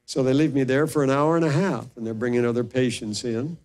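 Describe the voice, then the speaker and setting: A man's voice: mid-range voice, level tone, a little fast, a little mellow. An older man, a pastor, telling a personal story in a sermon and acting out the voices of the people in it.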